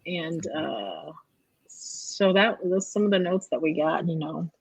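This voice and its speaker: A stage actress in her thirties talks through her stories with lively energy, often restarting her sentences. Her voice is husky, and the recording is dry and close. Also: sits low, slow, dry recording, low-quality recording. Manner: animated storytelling with restarts. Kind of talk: casual interview chat.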